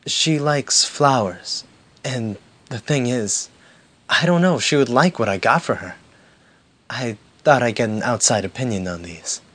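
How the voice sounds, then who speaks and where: A man voicing a shy, awkward teenage boy who speaks hesitantly, with pauses, in a fan audio drama. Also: mid-range voice, expressive, fairly bright tone, dry recording. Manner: hesitant, halting.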